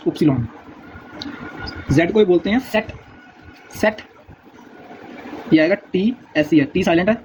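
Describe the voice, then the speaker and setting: High-voiced man drilling letter sounds. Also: a little mellow. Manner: repeats sounds slowly, patient drilling. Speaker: language teacher. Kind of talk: casual spoken lesson. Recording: dull lo-fi recording, faint noise.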